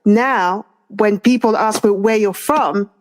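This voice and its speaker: A woman's voice: mid-range voice, slow. A woman from France in her thirties, co-hosting a casual chat, speaking hesitantly with many fillers and restarts. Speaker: podcast co-host.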